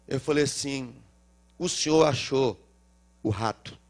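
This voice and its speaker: A middle-aged male pastor with a Minas Gerais accent, preaching a sermon and acting out the dialogue of a story, swinging between loud cries and low murmurs. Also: unhurried. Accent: Brazilian Portuguese, Minas Gerais. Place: church.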